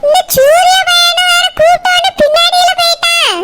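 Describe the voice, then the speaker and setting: A shrill, sky-high cartoon voice of a domineering older woman with a Kanyakumari Tamil accent, scolding and issuing orders. Heavy hiss and noise sit loud under the whole recording. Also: fairly even intonation, moderate pace. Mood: worried, scolding. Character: stern, domineering older Tamil mother and aunt. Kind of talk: cartoon voice acting.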